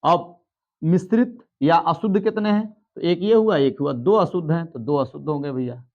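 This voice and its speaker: Guy teaching biology at a board, highish voice, goes step by step, kinda dull lo-fi sound. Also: moderate pace, darkish tone. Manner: explains step by step, checks in with students. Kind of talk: blackboard lesson.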